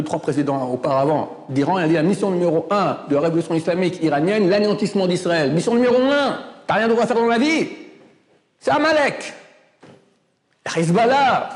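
High-voiced, emphatic preaching man. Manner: animated, emphatic, rhetorical questions. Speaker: rabbi. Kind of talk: sermon. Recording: roomy hall with long reverb.

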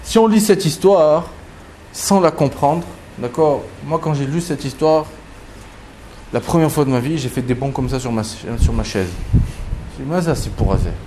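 Animated man telling a Talmud story. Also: moderate pace, slight background noise. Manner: animated storytelling, acting out quotes with big pitch jumps. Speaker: Torah teacher. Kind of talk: lively Talmud story lesson.

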